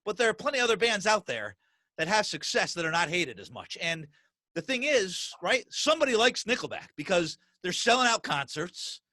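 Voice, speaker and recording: A man's voice: high-pitched, sing-song, a little fast, pushed and bright, no echo. A middle-aged man hosting a podcast, chatting casually and animatedly, with lots of restarts and repeated words. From US Northeast. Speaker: podcast host. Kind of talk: casual interview chat.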